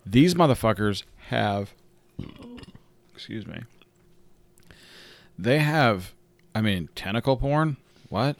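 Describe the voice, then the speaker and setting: A man's voice: on the low side, lively intonation, takes it slowly, creaky, long pauses, no echo. A man co-hosting a podcast, talking in a laid-back way with many fillers. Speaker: podcast co-host. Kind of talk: casual crude podcast banter.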